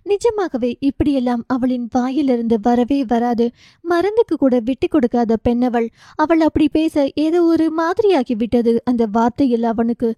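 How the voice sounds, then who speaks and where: A woman reads a romance novel aloud in an even, emotive storytelling manner. Her voice is high yet soft and mellow. The sound is dry and close. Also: normal speed, no echo. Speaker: audiobook narrator. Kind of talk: scripted narration of a romance novel.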